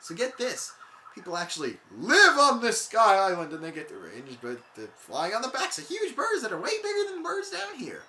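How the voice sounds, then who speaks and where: Surfer-dude rock creature with a hillbilly twang , voiced by a let's player: bright, swooping drawl, says "bud" a lot. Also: medium pitch, huge pitch swings, normal speed, reverberant, a little hiss or hum, voice pushed up, exaggerated voice. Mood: laid-back. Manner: calls the listener "bud". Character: excitable male rock creature who talks like a surfer.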